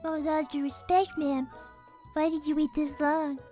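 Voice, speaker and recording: Timid, well-mannered child rabbit played by a woman, high little voice, earnest and hesitant, cartoon livestream over faint music. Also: little pitch movement, moderate pace, mellow, lightly acted. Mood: politely pointed. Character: Cream, polite timid little rabbit girl, owner's daughter. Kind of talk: improvised character livestream.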